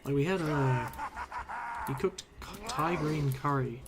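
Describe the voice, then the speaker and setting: Amid heavy background noise, a man with a fairly high, unhurried voice streams a video game from his home computer. He chats in a rambling, hesitant way, packed with fillers and unfinished sentences, his voice a bit strained after talking so long.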